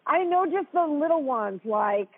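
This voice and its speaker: A woman hosting a casual radio interview, asking curious questions in a lively way. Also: high-pitched, a little slow. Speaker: radio host. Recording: tinny phone-line sound.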